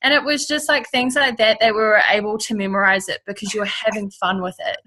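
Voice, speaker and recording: Bright, giggly woman on a video call. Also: mid-range voice, fast talker, a little hiss or hum. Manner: giggly, animated storytelling. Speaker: team member sharing on a call. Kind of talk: casual chat.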